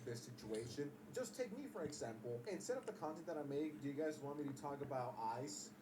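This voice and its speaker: Young man, exasperated profane commentary, slightly high pitch, distant mic. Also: animated, brisk, noisy background. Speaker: YouTube commentator. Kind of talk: casual commentary.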